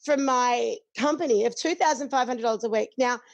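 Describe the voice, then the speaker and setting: A woman's voice: fairly high pitch, a little fast, gravelly, no room sound. A middle-aged Australian woman chatting candidly, swearing freely and acting out what others said. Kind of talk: casual chat.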